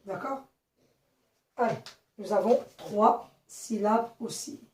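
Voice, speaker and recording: A woman teaching young children a phonics lesson, speaking slowly and clearly, repeating and spelling out words and often checking they follow. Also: medium pitch, darkish tone. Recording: echoey room, voice from a distance.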